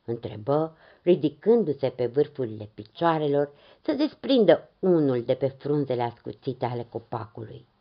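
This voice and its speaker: Low-voiced woman storyteller. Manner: expressive, lilting. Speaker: narrator. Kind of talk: storybook narration. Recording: dull lo-fi recording.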